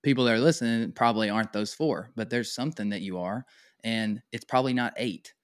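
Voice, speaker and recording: American male pastor, interview guest: lowish, dry, close voice, casual and upbeat. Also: brisk, clean tone, no echo. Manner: casual and enthusiastic, slangy, laughs often.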